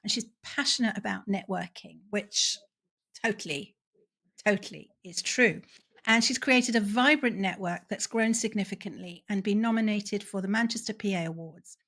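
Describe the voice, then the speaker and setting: A woman's voice: mid-range voice, normal speed, fairly bright tone. Chatty woman hosting a podcast. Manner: chatty, self-deprecating, enthusiastic. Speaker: podcast host. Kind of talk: casual podcast interview.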